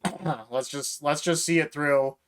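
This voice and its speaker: Male co-host, a touch high in pitch, casual and argumentative with a dry wit. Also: measured pace, fairly bright tone. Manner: wry, argumentative, dry asides. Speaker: podcast co-host. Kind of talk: casual political chat.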